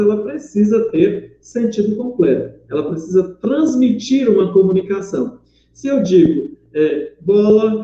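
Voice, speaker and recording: A man with a Brazilian Portuguese accent gives an online lesson, explaining patiently and step by step. His voice sits fairly high yet sounds very dark and mellow. The recording is dull and lo-fi, in an echoey room. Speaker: Portuguese teacher. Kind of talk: online class lecture.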